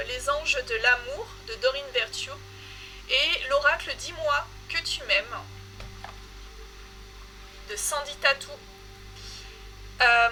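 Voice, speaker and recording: A woman giving a casual tarot reading, unhurried and hesitant, with frequent fillers. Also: high-pitched, pushed and bright. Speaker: tarot reader.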